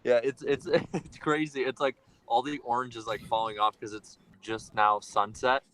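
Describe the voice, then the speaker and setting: A man's voice: medium pitch, level tone, normal speed, fairly bright tone, rough recording. Laid-back man chatting on a podcast. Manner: laid-back, trails off, laughs often. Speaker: podcast panelist. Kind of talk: casual chat.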